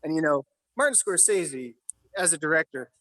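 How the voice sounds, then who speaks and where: This film industry worker from New York City, in his thirties, is a guest in a casual storytelling interview at his apartment. He talks about film sets with lots of fillers and the odd swear word. His fairly high voice sounds pushed and bright, with lively intonation at a moderate pace, recorded dry.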